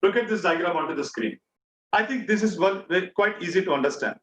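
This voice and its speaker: A man with an Indian accent teaches an online bootcamp class interactively, his voice high-pitched, fast and fairly bright as he repeats key phrases and questions for emphasis. The mic sounds distant and echoey, with faint noise underneath.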